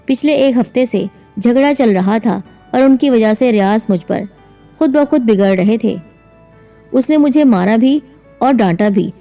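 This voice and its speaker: A woman reads a domestic story aloud and voices each character's dialogue in her own even manner. Her voice sits a little high but sounds mellow and warm rather than bright. Soft music plays quietly behind her. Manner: reads both narration and dialogue in one even voice. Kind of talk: scripted story narration.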